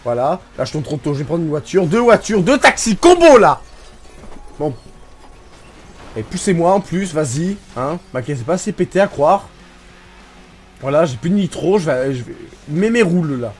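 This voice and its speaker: A man from France giving casual, excitable commentary over his racing game, swearing and mocking himself. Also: fairly high pitch, a little fast, husky. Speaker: gaming YouTuber. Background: game music.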